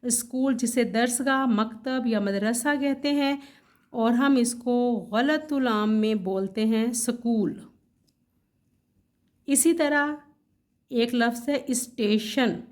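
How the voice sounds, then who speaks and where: A woman teaching correct word pronunciation in a vlog lesson, spelling out each word slowly and carefully, correcting herself with casual asides. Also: fairly high pitch. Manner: slow, careful spelling out of words letter by letter. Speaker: Urdu language teacher.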